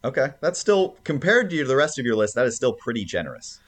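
A man co-hosting a podcast in casual, informal chat, with animated reactions. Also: mid-range voice, fairly quick. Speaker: podcast co-host.

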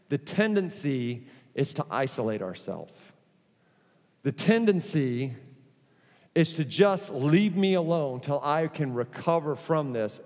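In a big church auditorium where long reverb trails after each phrase, a pastor with a high voice delivers a sermon emphatically, leaning on repetition and slipping in humorous asides.

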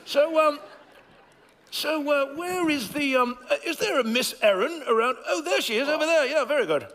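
A man doing a jolly, pompous gentleman detective, his voice very high and sharply bright. He draws out his words theatrically for a church stage skit, in a hall with long reverb. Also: expressive. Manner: plummy, theatrical, drawn-out emphasis.

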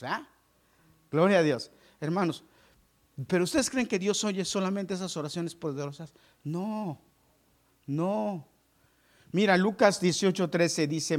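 A male pastor delivers a lively sermon to his congregation. He moves from booming, emphatic questions to quiet, confiding asides. His voice sits somewhat high for a man. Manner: dynamic preaching, swinging from loud exclamations to hushed asides.

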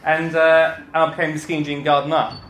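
A man's voice: on the high side, little pitch movement, a little fast, a bit bright. Chatty Essex man speaking in an echoey room. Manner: chatty, joking, self-deprecating. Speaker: gardening podcaster and speaker. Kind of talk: informal stage talk to an audience. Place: indoor talk before an audience, roomy space. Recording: echoey room with some background noise.

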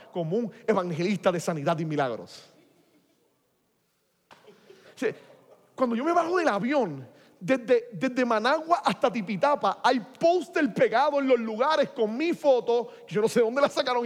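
A man preaching a testimony, telling his story animatedly and swinging from hushed to loud. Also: high-pitched. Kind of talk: sermon testimony. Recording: long hall reverb.

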